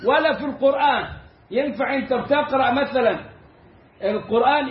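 Egyptian male teacher, explanatory, stretches out example words; high voice in a roomy space. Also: a little hiss or hum. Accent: Egyptian Arabic. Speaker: Islamic teacher. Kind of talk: lecture on Quran recitation rules. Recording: echoey, slightly dull room recording.

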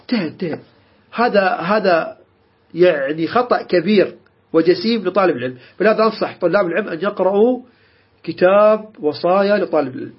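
A man with a high-pitched, husky voice gives a classroom grammar lecture, repeating key terms and checking that his students understand. The recording is dull and lo-fi.

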